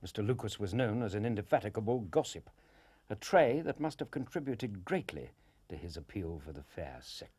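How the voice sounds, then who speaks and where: An actor playing a courteous, concerned gentleman doctor in a detective radio play, speaking politely and earnestly. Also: lowish voice, sing-song, moderate pace, slightly rough. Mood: earnest, dry. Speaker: actor in an audio drama.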